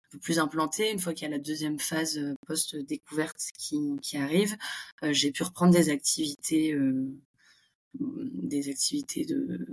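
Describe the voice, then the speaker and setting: Husky-voiced Frenchwoman chatting. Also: deep voice, normal speed. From France. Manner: chatty, many fillers. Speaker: guest. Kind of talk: casual interview conversation.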